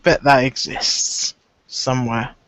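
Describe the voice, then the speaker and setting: A man's voice: mid-range voice, level tone, slow pace, fairly bright tone, dry recording. A man hosting a casual live stream, talking in a laid-back, dry way. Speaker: stream host. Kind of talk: casual chat.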